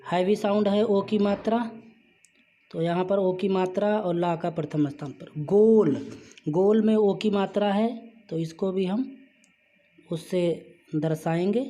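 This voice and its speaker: A shorthand teacher giving a patient spoken lesson, with frequent "uh" fillers. The teacher slows down to spell example words out syllable by syllable. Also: medium pitch, mellow. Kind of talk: spoken classroom-style lesson.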